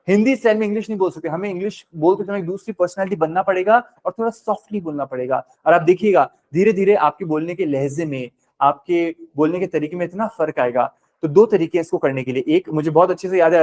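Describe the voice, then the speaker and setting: This man has a high, darkish voice. He's Indian with Hindi as his first language, and he patiently explains things while teaching a spoken English class, moving between Hindi and English.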